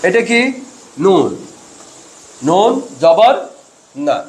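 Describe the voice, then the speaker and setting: A man's voice: sits high, animated, a little mellow, roomy sound. A man teaching Quran reading step by step, asking questions and answering them himself. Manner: slow, asks and answers own questions. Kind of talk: step-by-step spelling lesson.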